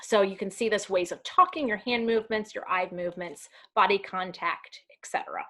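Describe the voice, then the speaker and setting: A woman presents an online workplace training over a video call. She talks through her slides in a relaxed, conversational way, pausing on ums and correcting herself as she goes. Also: mid-range voice. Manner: casual, with frequent ums and self-corrections. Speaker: community education trainer.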